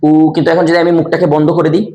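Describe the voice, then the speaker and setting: A man teaching a step-by-step lesson, repeating key answers slowly, asking quiz questions aloud and demonstrating sounds himself. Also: fairly high pitch, flat delivery, a little mellow, roomy sound. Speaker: Quran recitation teacher.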